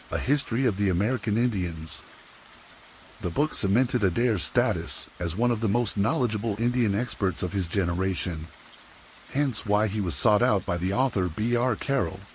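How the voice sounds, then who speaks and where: A man narrating a scripted horror story for sleep in a measured, serious, documentary-like way. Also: fairly low pitch, a little hiss or hum, poor audio. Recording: steady rain sound behind voice. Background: rain.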